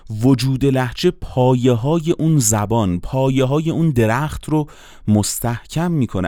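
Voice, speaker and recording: A man teaching a lesson on dialects and accents to voice actors, explaining in a lively, teacherly way and asking rhetorical questions. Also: medium pitch, dry recording, clean studio sound. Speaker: voice-acting teacher.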